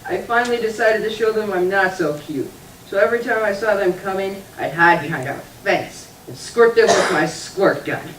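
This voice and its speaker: Here a woman performs a whiny, sulky boy puppet confessing between sniffles and bursts of crying. Her medium-pitched, fairly bright voice moves at a normal speed and stays close to her everyday voice. Picked up from afar, it echoes around the room above a faint hiss, sounding like a simple church puppet show.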